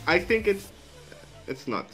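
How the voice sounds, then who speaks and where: Soft background music accompanies this man's high, sing-song, somewhat bright voice as he talks unhurriedly in a reaction video. In his thirties and a native Arabic speaker with an Arabic accent, he rambles and swears casually into a wired earphone mic, seated in a small room with a sheet hanging behind.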